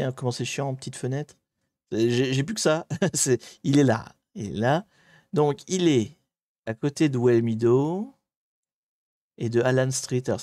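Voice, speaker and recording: A man streaming live, chatting with his viewers as he hunts through online maps and grumbles at the software. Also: mid-range voice, no echo, studio quality. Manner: chatty, talks to chat while searching maps, mildly exasperated. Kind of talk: live-streamed geography puzzle commentary.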